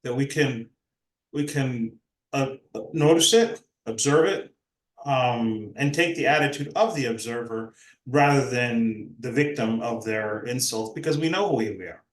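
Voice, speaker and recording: Older male professor, reflective and measured, mid pitch, echoey room sound. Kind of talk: academic discussion. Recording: roomy echo.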